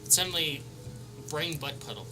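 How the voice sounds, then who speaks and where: A man's voice: a little high, lively intonation, moderate pace, over loud music, poor audio. A man casually narrating a tabletop game as its game master, improvising as he goes. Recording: clear background noise.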